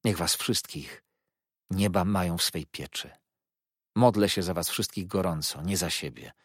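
A remorseful young woman's farewell letter, read aloud by a man in a slow, pleading way. The voice underneath is very low and husky. The recording is dry and close. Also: no echo. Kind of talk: audiobook letter reading.

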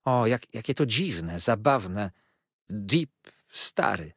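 A man's voice: on the low side, big pitch swings, slow, a bit bright, slightly rough, dry recording, studio quality, pitched above the performer's own voice, heavily acted. A man voicing a young, sickly wife who speaks tenderly and coaxingly, like a spoiled child.

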